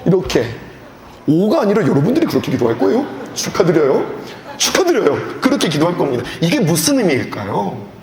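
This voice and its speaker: A male pastor preaching a sermon at a youth retreat in an animated way, asking the audience questions and acting out scenes. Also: sits high, fast talker. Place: church hall. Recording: echoey hall with faint background noise.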